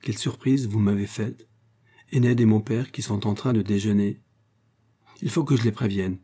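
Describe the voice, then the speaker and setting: A man reading aloud, voicing a lively young Parisian woman with bright, excited exclamations. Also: on the low side, normal speed, slightly rough. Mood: eager.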